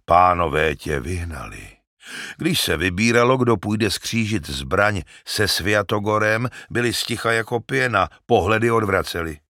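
A man voicing a talkative, excitable old male shepherd in an audiobook, loud and emphatic. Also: on the low side, dry recording, studio quality. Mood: eager. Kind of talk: audiobook character reading.

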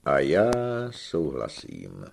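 A man's voice: extremely low pitch, wildly swooping pitch, slight background noise, heavily acted. A man reading the part of a sly, shrewd old peasant uncle who teases and scolds his young nephew in an audiobook. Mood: teasing. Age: older. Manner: teasing, gruff, scolding.

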